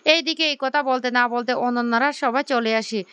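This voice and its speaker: A woman storyteller retelling a family serial story, linking each line with steady narration. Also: fairly high pitch, brisk, clear, resonant tone, no echo. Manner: plain, steady narration that links every line.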